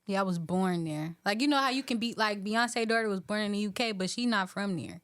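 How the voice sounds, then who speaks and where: A woman's voice: mid-range voice, a little fast, fairly bright tone, no room sound. Laid-back young woman podcast guest. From Chicago and Atlanta. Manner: laid-back, joking, candid. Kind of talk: casual podcast interview.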